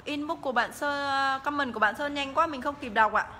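A woman giving a live, promotional sales pitch as she walks through shop rooms, repeatedly urging viewers to get in touch. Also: brisk, pushed and bright. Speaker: motorbike shop livestream seller. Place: tiled indoor motorbike showroom rooms and stairwell. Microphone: handheld phone, held by the walking speaker. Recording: noisy phone audio in echoing hard-walled rooms.

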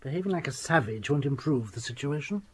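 A prickly British physician in a radio play. His voice is raspy and a little high, and he talks down to people in cool, measured phrases. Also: lively intonation, a little mellow. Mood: cold, reproving. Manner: measured, condescending. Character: cool, haughty male family doctor, prickly. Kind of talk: radio drama acting.

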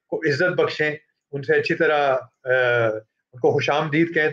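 A middle-aged man from Pakistan, moderating a book launch and introducing an author, speaking haltingly with frequent fillers and switches into English. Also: a little high, lo-fi sound.

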